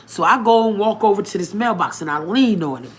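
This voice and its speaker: A woman's voice: expressive, a little fast. Outspoken woman telling a personal story. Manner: outspoken and straightforward, colloquial, speaks straight to the audience; emphatic, with sudden rises in pitch and loudness. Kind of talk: candid personal storytelling to viewers.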